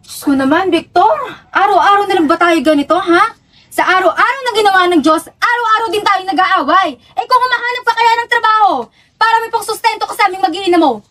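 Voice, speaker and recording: A woman's voice: a little fast, pushed and bright. A woman playing a bitter, scolding young wife. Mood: reproachful. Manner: shrill, scolding, swearing. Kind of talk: student drama acting.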